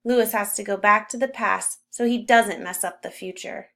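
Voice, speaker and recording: A woman narrates a children's storybook aloud, expressively stressing key words. Her mid-pitched voice is steady and fairly bright, at normal speed, carrying a fairly gravelly creak.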